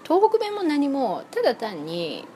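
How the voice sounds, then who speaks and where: Animated woman hosting a chatty radio show. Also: high voice, a little hiss or hum. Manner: playful, musing, trails off in drawn-out fillers. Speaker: radio show host reading listener submissions. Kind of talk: casual radio chat.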